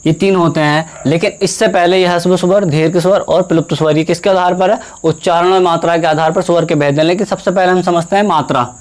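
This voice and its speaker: In this Hindi grammar lesson, the young male teacher's voice sits high with fairly even intonation. He quizzes the class and supplies the answers himself, repeating key terms and slowly elongating vowels for demonstration.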